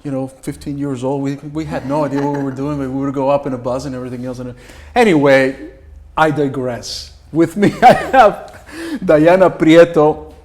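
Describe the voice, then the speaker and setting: Chatty host with an Ecuadorian accent. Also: male voice, medium pitch, little pitch movement, fairly quick. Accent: Ecuadorian Spanish. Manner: chatty, digressive, jokey. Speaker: talk show host. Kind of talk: casual interview chat.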